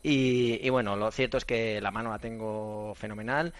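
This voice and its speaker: A middle-aged man from Spain, a former athlete and running coach, chatting on a radio show in an animated, storytelling way with lots of fillers and restarts. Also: fairly low pitch, moderate pace, dry recording. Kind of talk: casual radio chat.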